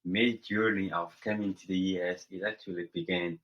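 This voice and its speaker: A young man from Somaliland, a college senior, answering interview questions earnestly and often pausing to search for words. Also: low-pitched, steady tone, a bit bright, highs cut off. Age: young adult.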